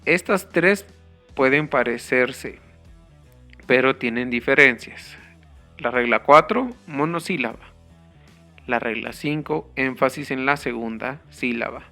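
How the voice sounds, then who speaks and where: A man teaching an English grammar lesson, explaining the rules slowly and carefully and spelling out the letters. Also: medium pitch, sharp tone, soft background music.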